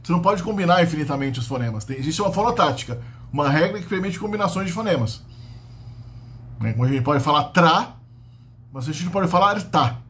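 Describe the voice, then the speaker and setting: A man's voice: a little high, animated, quick pace, fairly bright tone, a little hiss or hum. A Brazilian man with a Brazilian Portuguese accent giving an unscripted linguistics lesson, explaining step by step with frequent tag questions and restarts. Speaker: linguistics teacher. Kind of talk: unscripted lecture.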